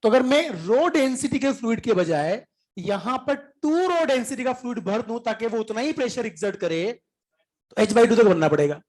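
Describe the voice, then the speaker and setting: An extremely high-pitched, slightly mellow man speaks expressively at normal speed in a casual physics lecture. He drops in English terms, clears his throat now and then, and coaxes students by asking whether they got it.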